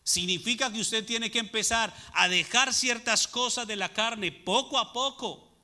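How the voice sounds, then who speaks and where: A man's voice: very high-pitched, a little slow, pushed and bright. A man preaching a sermon as pastor, asking the congregation rhetorical questions and answering them. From Latin America.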